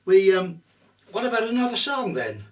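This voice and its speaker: A man's voice: sits high, sing-song, moderate pace. A man in his seventies doing comic stage patter as the straight man to a puppet. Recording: distant camera microphone.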